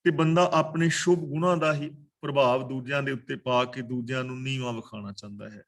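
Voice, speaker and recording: A man giving a religious lecture over a video call, explaining scripture slowly and chanting the verses he quotes. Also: medium pitch, fairly even intonation, creaky. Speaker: katha preacher.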